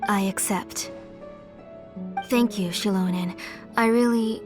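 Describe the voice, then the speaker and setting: A woman's voice: medium pitch, fairly even intonation, slow pace, lightly acted. A woman playing an earnest, devoted auntie who blames herself, in a video game. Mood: solemn. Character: earnest, self-blaming, devoted older auntie. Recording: music behind the voice.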